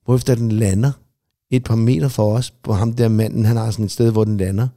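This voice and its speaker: A man's voice: lowish voice, fairly even intonation, dark tone. A middle-aged man co-hosting a podcast, telling rambling anecdotes in casual chat with plenty of swearing. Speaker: podcast co-host.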